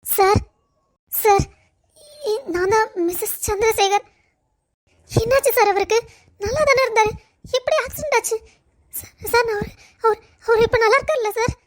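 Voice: extremely high pitch, steady tone, moderate pace, hardly any pauses. A woman voicing a distraught middle-aged wife in a cartoon story, asking urgently and pleading.

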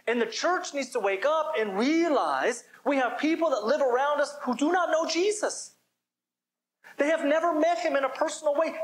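A man's voice: very high voice, rough recording. A man preaching a sermon as pastor, emphatic and calling for responses from the congregation.

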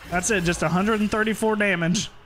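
A streamer chatting casually with friends while playing, excitable, swearing and singing snatches to themself. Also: medium pitch, fairly quick, a little hiss or hum. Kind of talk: casual gaming chat with friends.

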